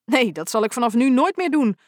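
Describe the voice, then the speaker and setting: A woman's voice: fairly high pitch, sing-song, brisk, dry recording, clean studio sound. A woman voicing a laid-back, teasing teenage boy who jokes with his niece.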